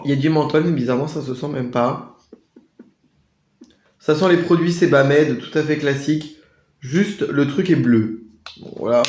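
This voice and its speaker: A man chatting casually through a product haul review, hesitating often and sounding out foreign labels slowly. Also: medium pitch, slight background noise. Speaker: vlogger reviewing a shopping haul. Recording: echoey room.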